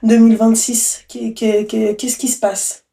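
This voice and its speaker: Woman host of a live call-in show, warm dark tone, questioning and pressing, heard in an echoey room off-mic. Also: on the high side, level tone, a little slow, creaky, distant mic. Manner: probing, pressing questions, affectionate.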